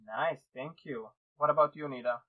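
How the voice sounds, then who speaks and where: A man's voice: mid-range voice, normal speed, phone-quality sound. A man from Serbia hosting a casual podcast over a video call, upbeat and joking. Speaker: podcast host. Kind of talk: casual online podcast chat.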